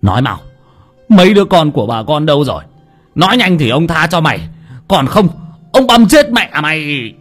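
Man voicing old village father, furious, shouting, cursing, husky voice. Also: fairly high pitch, big pitch swings, moderate pace, faint music behind, voice pushed up.

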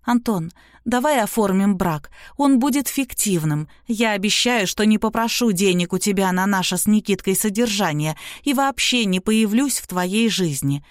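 A desperate young woman, as a narrator puts her on pleads earnestly in a plain mid-pitched voice. The audiobook voice is close and dry. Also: animated, normal speed, dry recording, lightly acted. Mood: pleading.

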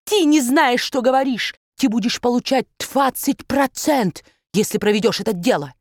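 A woman's voice: a little high, moderate pace, no room sound, studio quality, voice pushed up, natural voice. A woman voicing a pompous older male banker who speaks broken, foreign-accented speech in sudden outbursts. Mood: blustering.

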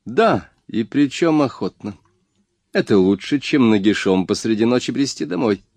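A man reading the lines of a calm, bold young woman who teases and questions in an audiobook. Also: medium pitch, normal speed, dry recording. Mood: playful.

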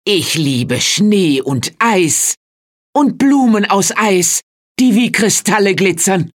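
A woman's voice: mid-range voice, expressive, slow pace, pitched above the performer's own voice. A woman voicing a cold-hearted, cruel young boy in a storybook reading, with a scornful manner. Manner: scornful, shouting insults.

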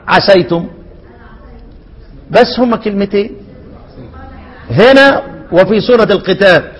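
A man with an Egyptian accent teaching a recitation poem in class, chanting its verses slowly and asking his students to finish his questions. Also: high voice, slightly rough, big-room sound, muffled recording. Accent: Egyptian Arabic. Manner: asks questions and lets students fill in the answer.

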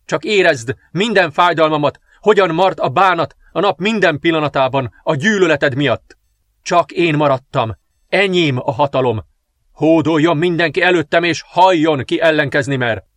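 A man's voice: fairly high pitch, a bit bright, dry recording, pitched above the performer's own voice, natural voice. A ruthless sixteen-year-old princess of darkness, voiced by a man reading the book, issuing curses and orders in a raised, proclaiming voice. The voice sits well above the reader's own. It is a dry, close storybook recording with no room sound. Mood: furious. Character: vengeful sixteen-year-old dark princess, cold, commanding. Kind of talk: audiobook character reading.

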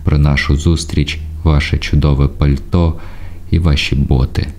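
A man voicing a masked male robber who talks slowly with mocking, overly polite courtesy. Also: rumbling low, little pitch movement, darkish tone. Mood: suave.

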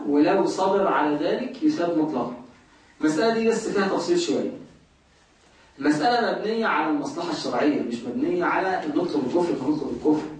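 A man with an Egyptian accent teaching a jurisprudence class, asking the class questions and answering them himself. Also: a little high. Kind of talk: lecturing a class. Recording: very echoey room, voice from far off.

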